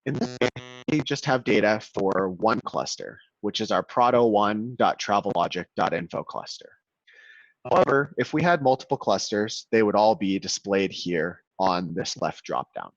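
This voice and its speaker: A man presenting a software walkthrough in a webinar, explaining steadily while his call audio keeps cutting out and breaking up. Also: on the low side, animated, normal speed, no echo. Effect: choppy, cutting-out call audio. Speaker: product demo presenter. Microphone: video call. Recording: dull, dry, glitchy call audio.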